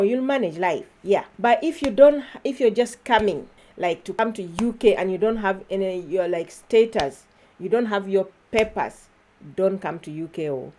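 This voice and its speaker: A woman's voice: medium pitch, mellow. Chatty woman vlogging. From Uganda. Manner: chatty, laughs often, keeps addressing viewers as guys. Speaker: YouTuber. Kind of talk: casual vlog monologue.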